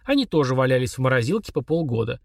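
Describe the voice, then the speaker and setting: A man voicing a calm, mocking young man who chats casually while confessing murder to his father. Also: mid-range voice, fast talker, creaky, dry recording, studio quality. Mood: coolly sneering. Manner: chummy, sneering, confessional tone.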